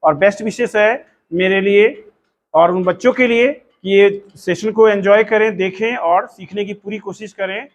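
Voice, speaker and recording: Male coaching teacher, high voice, formal host intro. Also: steady tone. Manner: formal, measured welcome.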